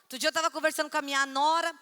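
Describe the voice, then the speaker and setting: A woman's voice: high voice, flat delivery, very fast, bright, forceful tone. A woman pastor preaching at a church conference, chatty and storytelling, acting out conversations. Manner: chatty, storytelling, acts out dialogue. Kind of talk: conference sermon. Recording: echoey church hall.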